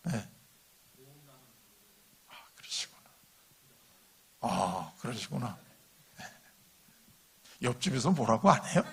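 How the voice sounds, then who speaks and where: A man's voice: mid-range voice, slight background noise. An older man speaking as a guest lecturer at a church meeting, in a conversational style, often putting questions to the audience and chuckling along.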